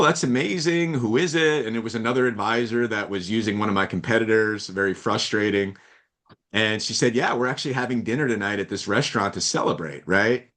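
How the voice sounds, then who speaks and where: A man hosting a podcast, telling stories in relaxed casual chat with quoted dialogue. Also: fairly low pitch. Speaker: podcast host.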